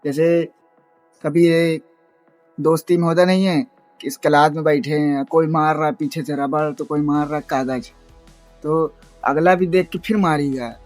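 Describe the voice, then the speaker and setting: A young man with a tells a rambling school anecdote for his vlog, acting out what others said. His voice sits a little high, and faint music plays underneath. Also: a little slow, no echo. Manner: rambling, animated retelling with acted-out quotes. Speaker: vlogger. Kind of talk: casual storytelling vlog.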